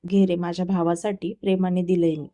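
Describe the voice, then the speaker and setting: A woman's voice: on the low side, level tone, fairly quick, dark tone, lightly acted. Woman reading as a fond bossy mother. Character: fond middle-aged mother.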